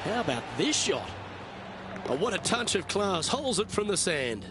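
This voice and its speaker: A man performing as a lively, admiring TV golf commentator in a video game. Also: high-pitched, normal speed, noisy background. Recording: music behind the voice.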